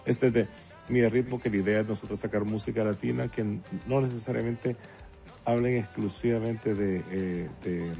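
Deep gravelly man, lo-fi. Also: steady tone, moderate pace, mellow. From El Salvador. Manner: hesitant, many fillers and restarts. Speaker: guest songwriter and producer. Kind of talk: casual interview talk. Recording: dull lo-fi with faint music.

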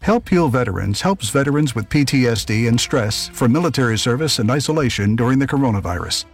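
A man calmly guiding a breathing exercise in a radio public service spot. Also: mid-range voice, faint music behind. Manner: calm, measured, instructive. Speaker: ad announcer. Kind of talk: guided breathing instruction.

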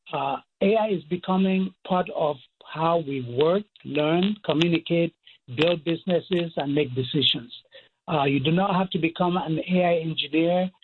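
A man's voice: a little high, slightly rough. Cameroonian man on a tinny phone line. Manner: measured, listing points. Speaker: guest expert. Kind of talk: phone-in interview.

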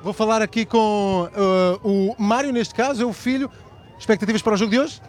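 A man with a European Portuguese accent reporting live for radio from outdoors at a fan march, asking brisk, rapid questions. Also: high-pitched, steady tone. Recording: fan chants and drums behind.

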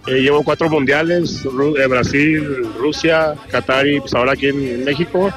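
A man from Chihuahua, interviewed as a fan outdoors, relaxed with hesitant fillers. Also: on the high side, moderate pace, music in the background. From Chihuahua, Mexico. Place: outdoor fan festival plaza.

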